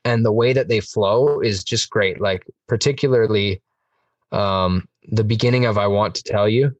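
A man's voice: fairly low pitch, moderate pace, no echo, distant mic, lo-fi sound. A man chatting on a music podcast, enthusiastic and rambling, with lots of fillers. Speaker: podcast host. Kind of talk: casual music podcast chat.

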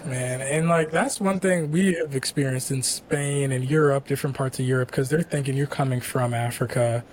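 A man hosting a podcast interview, asking questions in a relaxed conversational way. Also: medium pitch, normal speed, a little hiss or hum, poor audio. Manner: conversational, frequent affirmations. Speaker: podcast host. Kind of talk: casual interview chat.

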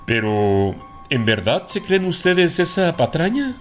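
A man's voice: fairly high pitch, very animated, measured pace, soft background music, voice pushed up. Guy doing a scoffing cop captain, brushes them off, voice sounds kinda off from his normal. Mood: dismissive. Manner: dismissive, scolding. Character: skeptical, dismissive male police captain.

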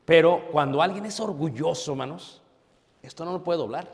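A man preaching a sermon as a pastor, asking rhetorical questions and swinging between loud emphasis and hushed asides. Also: a little high, normal speed, gravelly. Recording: long hall reverb.

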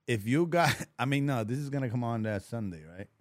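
A man's voice: mid-range voice, brisk, dry recording, clean studio sound. A man co-hosting a podcast in casual chat, rambling and restarting his sentences. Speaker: podcast co-host.

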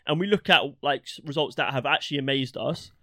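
Opinionated man, fairly high voice. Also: fast talker, no echo, studio quality. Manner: animated, opinionated, frequent restarts. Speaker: podcast co-host. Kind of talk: casual football chat.

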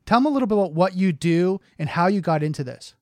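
A man's voice: high voice, animated, fast talker, a little mellow, no echo. A man hosting an interview podcast, upbeat and eager, asking a guest about his work. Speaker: podcast host. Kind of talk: casual interview chat.

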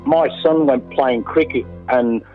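A man's voice: mid-range voice, measured pace. A middle-aged Australian man telling a story in a casual, emphatic way, swearing freely and repeating himself. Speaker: interviewee, landowner. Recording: phone-like line with faint music.

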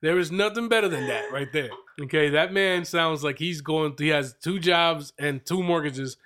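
A fairly high-voiced man hosting a casual podcast. He talks in teasing, hype-man banter, needling and joking with his guest. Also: normal speed, a bit bright. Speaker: podcast host. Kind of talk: casual chat.

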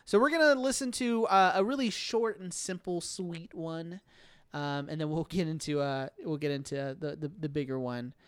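Male podcast host, casual and jokey, smooth voice, dry sound. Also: on the high side, normal speed, dry recording. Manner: laid-back, joking, lots of fillers.

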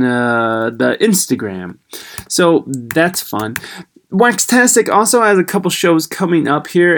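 A man hosting a podcast intro, a little high, rambling and losing his train of thought, recorded through a laptop's built-in microphone that sounds tinny. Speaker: podcast host.

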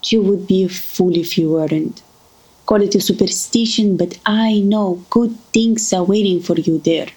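An actress playing a warm, motherly older woman who speaks gently and affectionately. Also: medium pitch, moderate pace, breathy edge, natural voice, low-quality recording. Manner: gentle, affectionate, calls others darling. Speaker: family friend. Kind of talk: drama acting.

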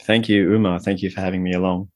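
A man's voice: low-pitched, level tone, fast talker, darkish tone, no echo. A middle-aged man speaking reflectively as an interview guest, explaining and telling stories in a conversational way. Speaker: interview guest, leadership coach.

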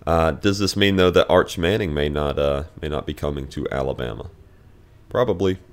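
Deep-voiced man on a low quality stream. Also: normal speed. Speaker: podcast host. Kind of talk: casual sports talk, reading news items. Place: away from usual studio, on vacation. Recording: low quality stream, improvised holiday setup.

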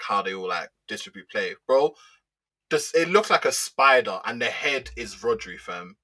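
A young man, co-hosting a casual football chat in excitable, slangy banter. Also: fairly low pitch. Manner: excitable slangy banter, says bro a lot. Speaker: podcast co-host.

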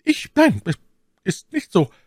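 A man's voice: sits high, wildly swooping pitch, unhurried, dry recording, studio quality, voice pushed up, heavily acted. A man voicing a cold, scheming young noblewoman with a cutting, mocking tone in an audiobook. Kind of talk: audiobook character voice.

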